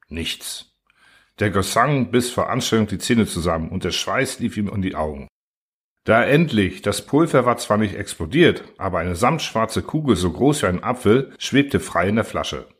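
Husky low-voiced male narrator. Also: expressive, normal speed. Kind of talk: audiobook narration of a literary story.

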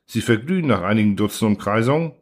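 A man's voice: fairly low pitch, animated, quick pace. A man voicing a dutiful young starship navigator who talks in a careful, subdued way, in an audiobook reading. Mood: restrained.

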